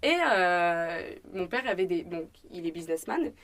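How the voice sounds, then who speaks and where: With a lowish, expressive, slightly bright voice, the young French-accented woman takes her time telling her story, and a little hiss or hum sits under the recording. It's a casual interview where this restaurant owner and student guest chats along with many fillers, voicing bits of dialogue.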